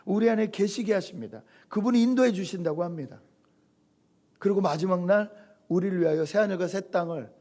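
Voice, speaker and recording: A middle-aged man preaching a Sunday sermon as pastor, animated, acting out quoted lines and swinging between loud and soft. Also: sits high.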